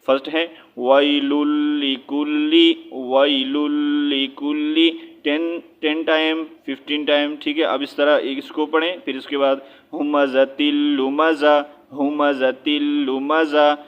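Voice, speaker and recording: A man gives a step-by-step Quran recitation lesson, fairly high-pitched and flat in tone. He explains in quick asides and then draws out each syllable slowly. The recording sounds dull and lo-fi. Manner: checks in with frequent "theek hai". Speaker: Quran teacher.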